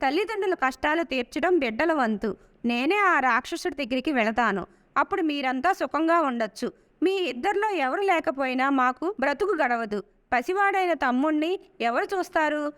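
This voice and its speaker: A woman voicing a young daughter who calmly reassures her parents. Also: high voice, normal speed. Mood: reassuring. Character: young daughter, selfless and calm.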